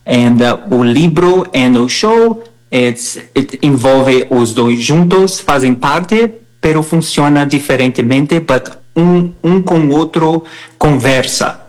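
Slow hesitant Brazilian man. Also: fairly high pitch, lively intonation, a little mellow, rough recording. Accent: Brazilian Portuguese. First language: Portuguese. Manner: hesitant, mixes Portuguese, Spanish and English. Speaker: guest artist. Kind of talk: interview.

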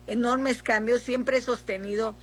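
A middle-aged Mexican woman senator answering in a political interview, speaking haltingly with many fillers and restarts. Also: fairly high pitch, steady tone, slightly rough. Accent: Mexican Spanish.

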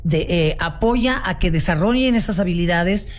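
A woman's voice: on the low side, expressive, normal speed. A woman with a Mexico City Spanish accent, a guest telling her story in a casual interview, passionate and full of restarts. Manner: warm, passionate storytelling with many restarts and fillers. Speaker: guest, founder of a folk art business.

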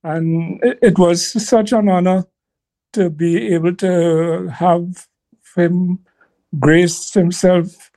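A man with a Trinidadian accent, a guest musician, telling his memories slowly and earnestly. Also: high-pitched, steady tone, dark tone. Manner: slow, earnest storytelling. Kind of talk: reminiscing interview answer.

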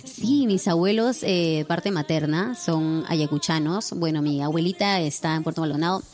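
A woman's voice: deep voice, moderate pace, darkish tone, soft background music. A young woman from Lima with a Peruvian accent, a singer chatting as an interview guest, laughing often and ending phrases with tag questions. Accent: Peruvian Spanish, Lima. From Peru, born in Lima. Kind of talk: casual interview chat.

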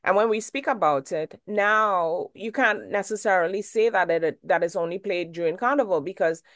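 A woman's voice: medium pitch, normal speed, fairly bright tone, dry recording. Trini woman hosting an interview, chatty and friendly, dry close sound. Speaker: show host.

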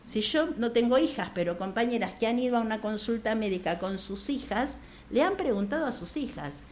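A woman in her sixties with an Argentine accent, speaking earnestly as a radio interview guest, repeating phrases and pausing to hesitate. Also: a little high, expressive, darkish tone, slight background noise. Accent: Argentine Spanish. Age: 60s. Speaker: guest, activist for older women.

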